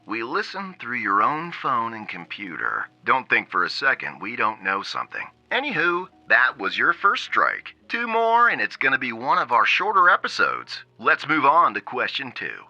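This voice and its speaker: A man voicing a taunting robot taxi driver who hosts a game show, with a cheery announcer voice that drops to a low growl. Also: wildly swooping pitch, normal speed, hardly any pauses, bright, forceful tone, dry recording, dull audio, full character voice. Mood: menacing.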